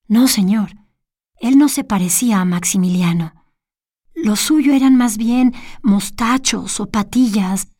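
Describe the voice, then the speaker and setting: A woman's voice: on the high side, dark tone, no echo, clean studio sound, natural voice. A woman voicing a flustered, remorseful middle-aged lady in a storybook reading, talking fretfully and repeating herself.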